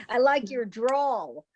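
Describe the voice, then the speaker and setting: A woman's voice: fairly high pitch, darkish tone, a little hiss or hum. A woman making brief remarks as a board member in an online meeting.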